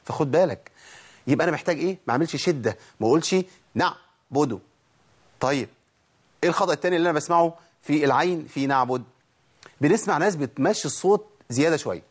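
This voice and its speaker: A man with an Egyptian Arabic accent teaching Quran recitation, asking questions and answering them himself, and drawing out sounds slowly to demonstrate them. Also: a little high, expressive, breathy edge. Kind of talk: spoken lesson on pronunciation.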